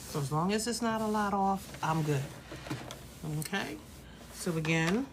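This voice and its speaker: A woman's voice: mid-range voice, measured pace, background noise. A woman teaching quilting in a casual live tutorial, chatty and reassuring as she thinks aloud while working. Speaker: quilting instructor.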